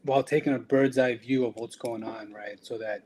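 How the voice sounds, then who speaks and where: A man's voice: medium pitch, fairly even intonation, normal speed, a little mellow, slight background noise, low-quality recording. A man from El Salvador, an electrician and business owner, speaking earnestly and reflectively in a casual conversation.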